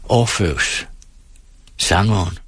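A young singer, voiced by a male reader, full-toned and soft, pleading with rising urgency. The voice sits low and husky, recorded close and dry. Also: dry recording. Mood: calm.

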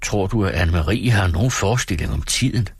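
A patient young husband reasons softly and earnestly, as a man reading a story gives him voice. The voice sits low and a little husky, close and dry. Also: lively intonation, no echo, full character voice. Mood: gentle coaxing. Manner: gentle, coaxing, earnest.

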